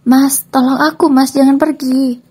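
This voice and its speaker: A desperate young wife pleads and sobs, her voice pushed high and loud, as a woman narrator acts her out. The tone is dark and very husky underneath, like an audio story read at home. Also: fairly even intonation, moderate pace. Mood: tearful.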